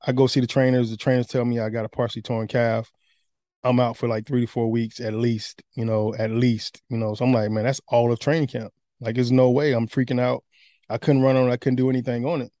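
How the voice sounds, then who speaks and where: A man telling a candid personal story in casual, animated conversation. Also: medium pitch, a little fast, no echo. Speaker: guest.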